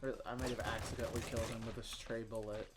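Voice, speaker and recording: Talking fast in a lowish voice, this Southern US man streams games with rambling, casual commentary in a Southern accent. Self-mocking jokes and sudden excited squeals pepper his talk, while music plays and keyboard typing and clicks come through clearly behind.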